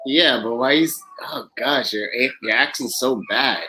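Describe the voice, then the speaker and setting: Bright-voiced man teasing on a live stream. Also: medium pitch, unhurried, a little hiss or hum. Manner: teasing, playful banter. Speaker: host of the channel. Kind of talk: casual live-stream chat.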